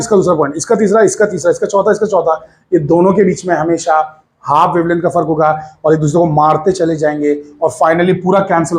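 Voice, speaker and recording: A man teaching physics to a class of students, lively and coaxing, calling them to listen and asking if they follow. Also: sits high. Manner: lively, coaxing, addresses students as beta, mixes English phrases.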